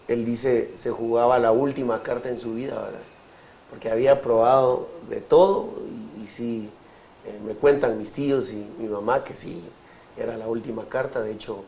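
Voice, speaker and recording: A Guatemalan man in his thirties giving his testimony in an interview, speaking haltingly with many fillers and restarts. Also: medium pitch, gravelly, a little mellow, slight background noise, poor audio. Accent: Guatemalan Spanish. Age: 30s. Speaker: interview guest.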